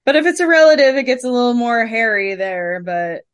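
A woman hosting a podcast, chatting casually and agreeing warmly with her guest. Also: on the high side, lively intonation, a little fast, clear, resonant tone. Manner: agreeable, affirming. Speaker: podcast host. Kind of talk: casual conversation.

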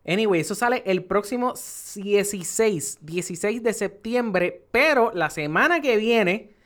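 A man hosting a podcast in casual chat. He talks in an animated, rambling way and laughs often. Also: high-pitched, unhurried. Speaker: podcast host.

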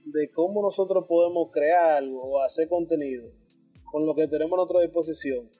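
High, husky Dominican man. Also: fairly quick, soft background music. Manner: excitable, slangy, repeats words. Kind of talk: casual group chat.

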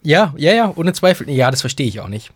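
A man's voice: on the high side, very animated, a little fast, husky. A man co-hosting a casual ice hockey podcast, laughing often and mimicking voices as he tells stories. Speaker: podcast co-host.

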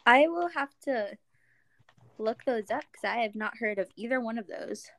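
A woman's voice: fairly high pitch, animated, normal speed, gravelly, fairly bright tone, dry recording. A young woman chatting casually, giggly and gushing, often trailing off with fillers. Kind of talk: casual chat.

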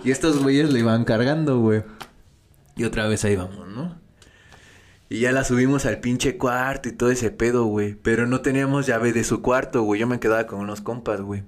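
This is a man with a Mexican accent, recounting a chaotic trip as a podcast guest. His pitch sits in an ordinary middle range. He talks loosely and full of slang, jumps into animated bursts, and laughs through his own story. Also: fairly quick. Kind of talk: casual storytelling.

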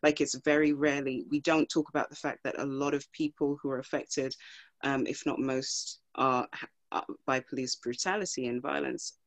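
A woman guest on a podcast who speaks earnestly and thoughtfully, often pausing to find her words. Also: extremely low pitch, little pitch movement. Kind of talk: casual podcast conversation.

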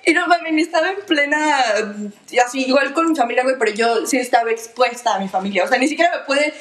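A young Mexican woman co-hosting a casual podcast chat, telling stories in an expressive, slangy way. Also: high-pitched, quick pace. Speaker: podcast co-host. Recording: roomy echo, faint noise.

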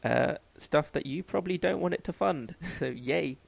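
With a fairly high pitch and vocal fry, this young English co-host from London talks at a normal speed in casual podcast chat. His manner is rambling and jokey, and he keeps interrupting himself.

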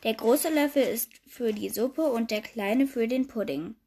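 A woman voicing a fussy, prim queen who is anxious about manners, reading the rules aloud a little louder. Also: a little high, unhurried.

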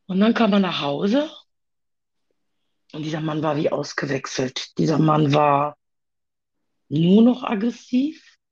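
A woman talking haltingly about her own past in a personal conversation, with many pauses and fillers. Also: sits low, breathy edge, dull audio.

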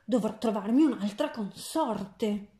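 A grumbling, self-pitying storybook king, as a woman reading aloud puts him on. He drawls his complaints slowly in a mellow tone, with a roomy echo around the voice. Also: medium pitch, natural voice.

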